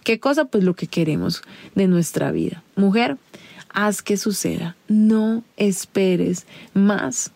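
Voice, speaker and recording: A woman talks straight to her listener, confiding and direct, as she hosts her own advice podcast. Her voice is dark and mellow with a gravelly fry, and it sits close and dry with no room sound around it. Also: mid-range voice, big pitch swings, slow pace, no echo. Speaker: podcast host. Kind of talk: casual advice monologue.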